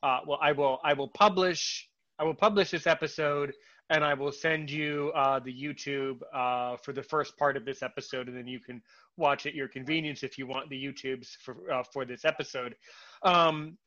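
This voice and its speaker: A man hosting a podcast, talking casually with a guest, halting and repeating his words with many fillers. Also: medium pitch, steady tone, bright, forceful tone, muffled recording. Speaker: podcast host.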